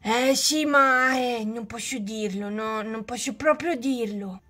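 A woman doing a chatty young girl doll with a high voice, rambling and flustered. She trips over her words and can't hold anything in. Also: slow pace, pushed and bright, faint music behind, heavily acted. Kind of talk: doll play-acting.

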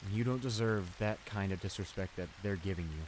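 With rain pattering steadily behind him, a man speaks fairly quickly in a low voice close to his everyday one. His role in the improvised audio drama is a flustered, apologetic young bully who hesitates and stammers.

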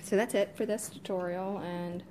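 A middle-aged woman giving relaxed, murmured step-by-step instructions in a hands-on craft tutorial at home. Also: mid-range voice, normal speed, background noise. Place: cluttered home craft room, indoors.

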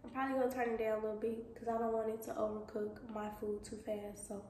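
With a fairly high pitch, a fast pace, and a flat delivery, a young woman hosts a home cook-along as a cooking vlogger, chatting casually and calling her viewers y'all and boo. She's filmed indoors in her home kitchen by a camera on the counter at a distance, and the recording is echoey with noticeable background noise.

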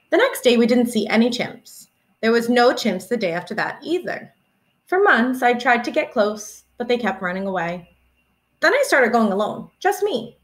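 Reading a picture book for children in a lively storytelling style, a young woman in her twenties who teaches speaks in a voice on the high side. She records herself on a webcam indoors, in a small room at home.

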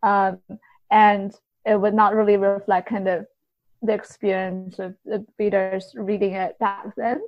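A woman's voice: mid-range voice, little pitch movement, measured pace. A woman guest, a literary translator, explaining things in an interview in a hedging, conversational way. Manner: explanatory, hedging with many softeners. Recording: dull, lo-fi audio.

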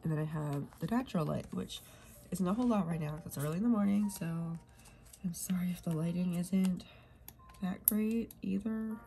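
Sniffly from a cold, a young woman fills in her planner while chatting in a casual plan-with-me style, rambling softly and at times drifting into whispers. She's a planner vlogger with a gravelly voice on the low side, speaking at normal speed.

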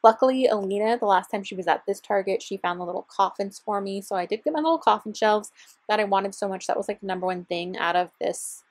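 A woman's voice: mid-range voice, fast, dry recording. A young woman chatting in a bubbly, gushing way as a vlogger, talking over her shopping footage. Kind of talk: shopping vlog voiceover. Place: parked car.

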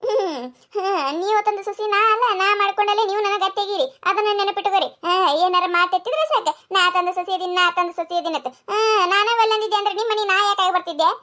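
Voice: very high-pitched, steady tone, fast talker, sharp tone. A performer voicing a sulky, defiant young village daughter-in-law in a cartoon, with a North Karnataka Kannada accent. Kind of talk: cartoon comedy voice acting.

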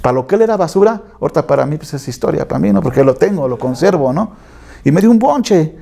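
A man's voice: fairly high pitch, lively intonation, quick pace, gravelly, dark tone. A man with a Mexican accent telling stories in a casual interview, slangy and acting out other people's voices. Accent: Mexican, Mexico City area. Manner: slangy, acts out quoted voices, frequent tag questions. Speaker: tattoo artist interviewee.

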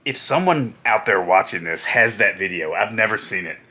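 Lively, bright-voiced man telling a story. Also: fairly low pitch, normal speed. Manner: animated, laughing, acting out voices. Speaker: former pro wrestler telling road stories. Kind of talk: storytelling vlog.

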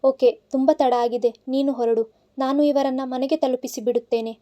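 A woman voicing a calm, practical male boss who is concerned for an employee. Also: very high voice, moderate pace. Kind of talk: audiobook character voice.

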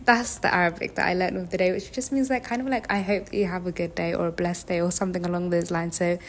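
A woman's voice: lowish voice, fast talker. A young woman in a casual vlog, talking to a camera held at arm's length while out in the city, cafes and beach, with lots of fillers. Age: young adult. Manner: chatty, filler-heavy, relaxed. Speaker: vlogger. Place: outdoors in a hot city, cafes, beach and street. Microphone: phone or camera held at arm's length. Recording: loud outdoor noise and traffic.

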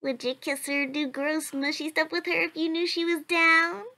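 In a comic dub, a woman plays an earnest, cheerful child who answers blog questions in a bright, chatty way. Her voice is high-pitched and steady, delivered at a normal speed.

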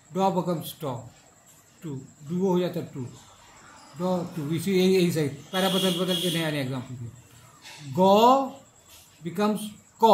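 High-voiced male professor in an echoey classroom. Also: a little hiss or hum. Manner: repeats each point, asks the class if they follow. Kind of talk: classroom lecture. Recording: echoey classroom with faint ambience.

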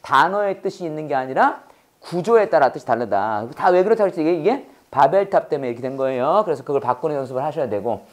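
A man's voice: fairly high pitch, lively intonation, fast talker. A man teaching an English lesson to a class, drilling students with constant questions and exaggerated pronunciation. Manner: drills students with repeated call-and-response questions.

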